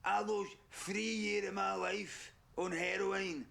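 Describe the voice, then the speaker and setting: A man doing Jacqueline, a gravelly Scottish woman. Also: high-pitched, fairly even intonation, takes it slowly, sharp tone, voice pushed up, full character voice. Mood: defiant. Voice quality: raspy, gravelly. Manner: blunt, defiant rambling. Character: brash Scottish middle-aged woman, former junkie. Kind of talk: sketch comedy character.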